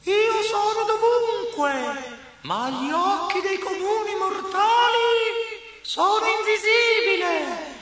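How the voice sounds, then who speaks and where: A looming invisible wizard, grand and terrifying, proclaiming in a strained, very high pitch at a crawling pace. His voice rings out as if through a cavernous space. Loud noise washes over it. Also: animated, heavily acted. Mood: grandiose. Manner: slow, drawn-out proclamations.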